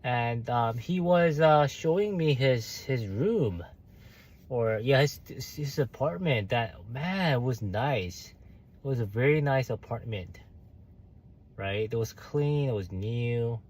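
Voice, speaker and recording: A man's voice: medium pitch, expressive, takes it slowly, darkish tone, slight background noise. A young man, chatting casually on a livestream while reading viewer comments, hesitant with many fillers and restarts. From South Korea. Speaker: livestream host.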